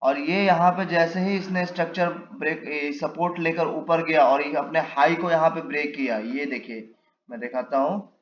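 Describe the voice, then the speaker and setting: A man's voice: a little high, steady tone, moderate pace. Male trading teacher, casual walk-through, quizzes himself as he draws; lo-fi mic in an echoey room. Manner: explains while drawing, asks and answers his own questions. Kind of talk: casual step-by-step chart lesson. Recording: echoey room, dull lo-fi mic, faint hiss.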